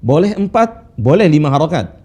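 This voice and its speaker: A man teaching Quran recitation rules, patiently drilling students with slow, drawn-out recited phrases. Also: on the high side, big pitch swings, mellow. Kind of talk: tajwid lesson with recitation drills. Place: classroom studio with whiteboard.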